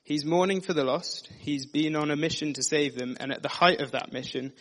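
Earnest man preaching a steady sermon. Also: fairly high pitch, brisk. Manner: earnest, steady teaching delivery with scripture readings. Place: dim room.

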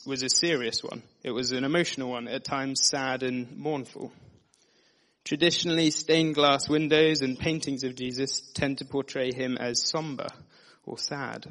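A man giving a sermon, reading scripture passages and explaining them in an earnest, steady teaching manner. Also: mid-range voice, moderate pace. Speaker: preacher. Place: dim room.

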